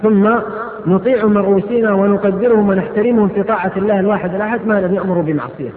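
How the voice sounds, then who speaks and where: A high-voiced man preaching at a religious question-and-answer lecture. He reads each question out and answers it with quick, firm rulings, talking fast. The sound is thin and phone-like, with a long echo from a large hall. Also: a crowd in the background. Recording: echoey hall on tinny phone-band audio.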